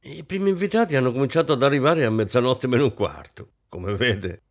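A man reading aloud voices an anxious wealthy hostess, a woman who talks in a frantic, high-strung way. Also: expressive, fairly quick, lightly acted. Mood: nervous.

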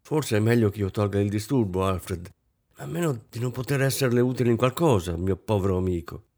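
A man's voice: fairly low pitch, brisk, dark tone, natural voice. A man reading aloud voices a society lady guest, a woman who speaks in a sweet, syrupy way that hides spite. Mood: falsely sweet. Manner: mellifluous, falsely sweet.

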